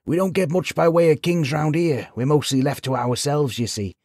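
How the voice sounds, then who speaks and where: A man's voice: fairly high pitch, moderate pace, a little mellow, dry recording, clean studio sound, voice pushed up. A man putting on a chuckling old village joker. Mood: teasing. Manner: chuckling, teasing, good-natured.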